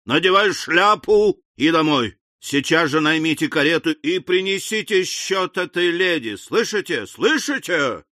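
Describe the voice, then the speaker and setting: A man reading an audiobook, voicing a furious old country gentleman who rants loudly and scornfully. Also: fairly high pitch, expressive, measured pace, hardly any pauses, no room sound, clean studio sound. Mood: raging. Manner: loud, furious ranting.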